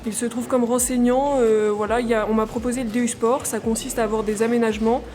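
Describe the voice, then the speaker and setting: A young woman, a student athlete, describes her studies in a testimonial with measured, slightly hesitant speech. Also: on the high side, fairly even intonation, darkish tone. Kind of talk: testimonial interview. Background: music.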